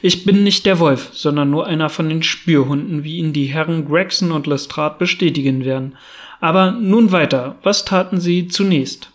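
A man reading the part of a brisk, sharp-witted male detective who talks impatiently and commandingly, in an audiobook reading. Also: on the high side, close to an everyday voice. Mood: amused.

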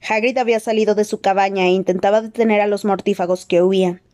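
Woman narrating an audiobook, mellow voice. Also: mid-range voice, steady tone, quick pace. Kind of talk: scripted narration.

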